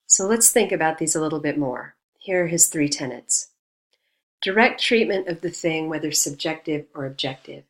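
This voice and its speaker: A woman teaching a recorded lesson on poetry, explaining in a measured way and reading quotations aloud. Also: low voice, lively intonation.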